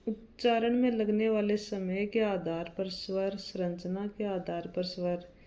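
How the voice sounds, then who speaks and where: A woman teaches grammar at an unhurried pace, reading definitions from her notes and then explaining them in plain words. Her voice is mellow and stays level, with little rise or fall. The recording is dull and lo-fi. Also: mid-range voice, flat delivery.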